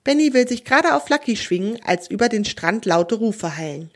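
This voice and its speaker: A woman narrating a children's storybook in a gentle, clear storytelling manner. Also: mid-range voice, animated, normal speed.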